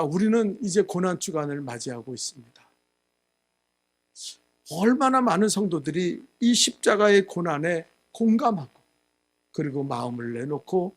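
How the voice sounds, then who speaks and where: A male pastor giving a sermon, telling a story and acting out the quotes, growing loud at the high points. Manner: storytelling with acted quotes, rising loud at climaxes. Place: church sanctuary.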